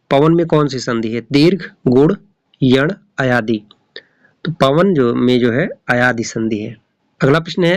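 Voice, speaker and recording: A man's voice: mid-range voice, dry recording. A man runs through exam questions as a tutor, in a mid-range voice. He reads out every option in turn, then comes back to confirm the correct one. The sound is dry and close, with no room around him. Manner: reads each option aloud, then repeats the answer. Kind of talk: reading quiz questions and answers.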